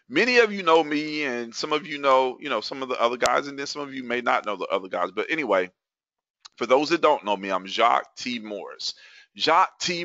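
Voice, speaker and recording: A man's voice: mid-range voice, pushed and bright, no room sound, lo-fi sound. A man hosting a live webinar, chatty and hyped, full of fillers and repeated phrases. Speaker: webinar host.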